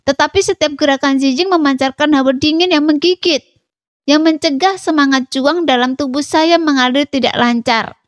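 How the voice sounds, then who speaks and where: A woman reading a fantasy story aloud as narrator, in an even, read-aloud delivery. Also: sits high, no echo. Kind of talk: scripted narration.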